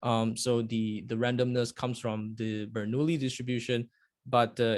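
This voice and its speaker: A man presents his academic research as a doctoral candidate in a dry, close sound. His mid-pitched delivery is hesitant and hedging, with phrases corrected midway as he explains technical material. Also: dry recording.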